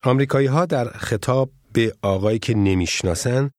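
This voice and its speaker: A man who is a native Persian speaker, narrating a scripted language course as the instructor, in a measured way with prompts to repeat. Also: mid-range voice, dry recording, studio quality.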